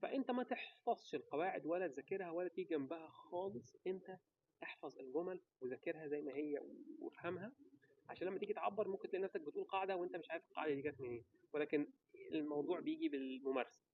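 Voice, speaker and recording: Fast-talking Egyptian man giving advice. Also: sits high, gravelly, phone-quality sound. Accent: Egyptian Arabic. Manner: animated, talks straight to the viewer with quick rhetorical questions. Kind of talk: casual advice talk to camera.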